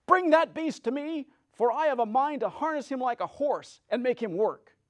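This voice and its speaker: Storybook villain: a man as a cruel old witch, high and forceful, imperious in every word. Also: expressive, dry recording. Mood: imperious command. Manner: slow incantations, loud imperious orders.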